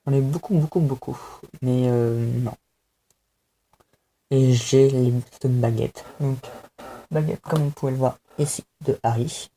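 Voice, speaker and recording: A man's voice: mid-range voice, fairly even intonation, measured pace, warm tone, slight background noise. A young man chatting casually to camera at home, hesitant and self-mocking, with many fillers. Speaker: vlogger answering a fan tag. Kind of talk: casual chat.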